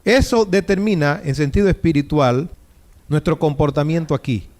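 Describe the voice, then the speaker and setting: A man's voice: a little high, moderate pace, darkish tone. A man preaching a sermon as pastor, retelling a parable dramatically and asking the congregation rhetorical questions.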